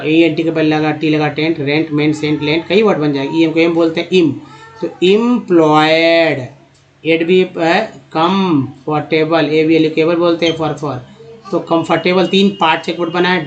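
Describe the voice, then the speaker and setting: A man with a slightly high voice gives a Hindi-language phonics lesson. He spells out letter groups one after another and repeats each sound in a steady, patient way. The recording sounds dull and lo-fi. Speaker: English reading teacher.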